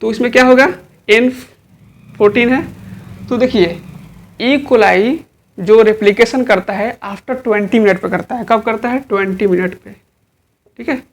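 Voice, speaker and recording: A woman's voice: fairly high pitch, a little slow, long pauses. Woman biology teacher doing exam prep, asks a question then answers it herself, repeats everything twice. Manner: drills with rhetorical questions, repeats each answer.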